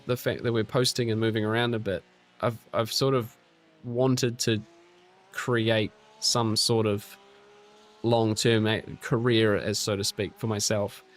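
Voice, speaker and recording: A man hosting a casual live stream, chatting with viewers and a teammate in a relaxed way, full of restarts and fillers. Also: lowish voice, a little hiss or hum. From New Zealand. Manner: relaxed and chatty, with frequent restarts and fillers while reading chat aloud; friendly, encouraging teammate. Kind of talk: casual live-stream chat over sim racing.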